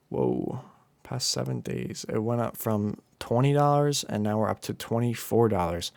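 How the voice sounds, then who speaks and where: Sleepy young guy rambling about coin charts, gravelly low voice, dry close sound. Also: dry recording. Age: young adult. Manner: relaxed, rambling with fillers and restarts. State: tired from lack of sleep. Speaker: crypto YouTuber. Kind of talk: casual screen-share commentary.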